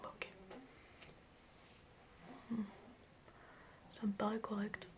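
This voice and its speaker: Whispering often, a woman voices a chaotic doctor best friend in a playful ASMR roleplay, casually chatting to the listener. Her mid-range, soft and breathy voice keeps a level tone at a very slow pace. Recorded up close, the clip carries clear background noise and clicking.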